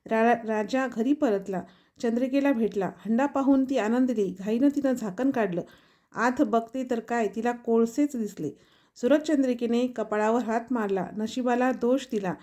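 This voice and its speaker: A woman narrates a devotional folk tale at a steady, measured pace. Her voice is mellow and warm in tone and sits a little high. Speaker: storyteller. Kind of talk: devotional story reading.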